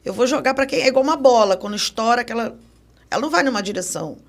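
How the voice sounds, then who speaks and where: A woman in her forties from Brazil, a podcast guest telling her story in a casual, animated interview. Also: on the high side, racing, over a noisy crowd. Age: 40s. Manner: animated, acts out remembered dialogue. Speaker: podcast guest, psychoanalysis educator.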